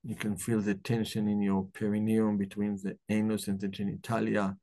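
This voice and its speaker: Gravelly low-voiced man guiding meditation. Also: monotone. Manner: slow, soft-spoken guiding voice. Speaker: doctor hosting a book club. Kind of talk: guided meditation; live talk.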